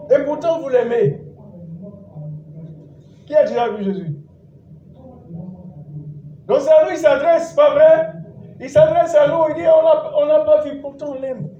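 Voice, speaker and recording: A man with a very high, mellow voice preaches as pastor in a church. He exhorts, repeats phrases and exchanges calls and responses with the congregation. Dull sound comes from a distant mic in an echoey church hall.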